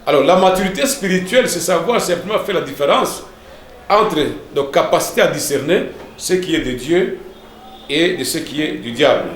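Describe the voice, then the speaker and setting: Male pastor, didactic TV teacher, slightly high voice, echoey room. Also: animated, normal speed, slight background noise. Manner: didactic, repeats words and tags lines with "hein" and "n'est-ce pas".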